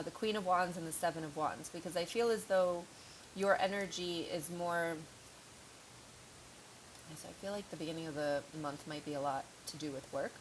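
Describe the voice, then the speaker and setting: A woman's voice: lowish voice, slight background noise, poor audio. A woman reading tarot cards in a casual, frank way, thinking aloud, with a slightly sore throat. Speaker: tarot reader.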